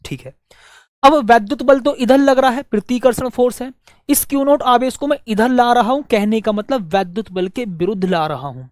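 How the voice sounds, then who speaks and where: A male teacher leads a physics class, repeating each phrase slowly so students can take notes. He poses questions and answers them himself, and coaxes his listeners as dear friends. The voice is dry and close, with no room sound. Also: very high voice, no room sound. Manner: warm coaxing address to students as dear friends. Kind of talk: physics lesson with dictated notes.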